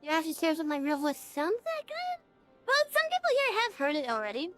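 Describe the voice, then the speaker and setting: A streamer speaks through a real-time voice changer that gives a high, feminine-sounding voice. The talk is loose and rambling, with plenty of ums and restarts. Faint music plays softly behind. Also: huge pitch swings, brisk. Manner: rambling, many fillers and restarts. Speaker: game streamer. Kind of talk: casual live-stream chat.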